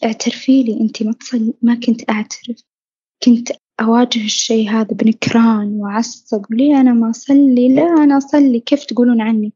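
Woman telling her story, husky and kinda high, dull lo-fi recording. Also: no room sound. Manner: reflective, earnest, dropping to soft near-whispers. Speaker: podcast guest sharing her story. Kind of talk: personal storytelling.

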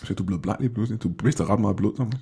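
A man's voice: on the low side, gravelly, dark tone, slightly rough. A man hosting a comedy show, acting out an improvised scene and talking over others.

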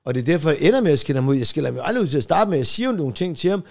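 A man's voice: a little high, big pitch swings, gravelly. A middle-aged man co-hosting a casual comedy podcast, telling family anecdotes and acting out what his relatives say, swearing freely. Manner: acts out quoted family members, swears freely.

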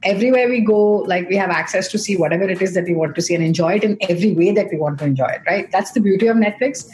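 A woman's voice: lowish voice, racing, darkish tone. A middle-aged woman with an Indian accent speaking conversationally on a panel, explaining at length and checking in with short tag questions. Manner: rambling, explanatory, checks in with "right?" and "you know". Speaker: streaming executive on a panel.

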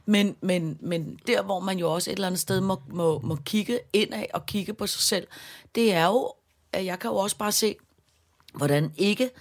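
A woman co-hosting a podcast, thinking aloud in casual chat with many fillers and hesitations. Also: medium pitch. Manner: reflective, hesitant, many fillers and agreeing murmurs. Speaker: podcast co-host.

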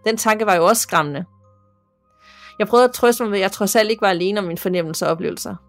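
A woman's voice: mid-range voice, dry recording, faint music behind. Woman narrating a ghost story. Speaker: podcast narrator reading a listener's story.

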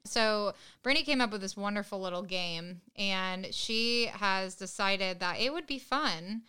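Bright, crisp-voiced woman chatting. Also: medium pitch, unhurried. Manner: giggly, animated storyteller. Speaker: podcast co-host. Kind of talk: casual chat.

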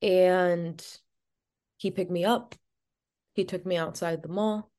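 A woman's voice: on the low side, steady tone, slow pace, mellow. A woman as an interview guest, telling a personal story in a casual, chatty way with many "like" fillers.

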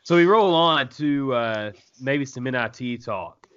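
A man's voice: mid-range voice, animated, unhurried, a bit bright, clean tone. A man hosting a casual sports talk show, putting questions to his co-talker in a conversational way. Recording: muffled, band-limited audio.

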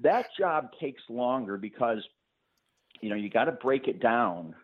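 A man's voice: mid-range voice, lively intonation, unhurried, slightly rough. Man explaining his work over a tinny phone line. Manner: explanatory, laughs easily, many fillers. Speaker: painting contractor guest. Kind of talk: phone-in interview.

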